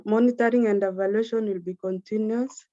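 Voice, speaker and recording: Woman reading a flat, formal presentation. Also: medium pitch, fairly quick, no echo, dull audio. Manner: steady, formal, list-like delivery.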